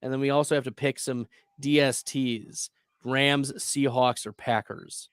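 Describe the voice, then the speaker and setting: A man hosting a casual fantasy football advice chat, upbeat and quick to laugh. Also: mid-range voice, fairly even intonation, fairly bright tone, smooth, no echo. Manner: chatty, upbeat, laughs easily. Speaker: fantasy football show host.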